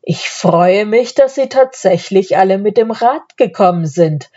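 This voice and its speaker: A woman's voice: mid-range voice, animated, measured pace, dark tone, lo-fi sound. A woman voicing a genial, welcoming male count who speaks in a hearty manner.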